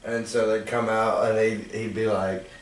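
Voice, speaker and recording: A man hosting a casual podcast, telling stories with loud acted-out quotes and casual swearing. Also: on the low side, normal speed. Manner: animated storyteller, acts out quotes loudly, swears casually. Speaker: podcast host. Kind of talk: casual chat, storytelling. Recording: echoey room, far from mic.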